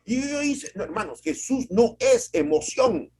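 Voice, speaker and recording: A male pastor preaching an emphatic sermon on a video call, with dramatic pauses and sudden jumps in pitch. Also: big pitch swings, a little mellow, husky.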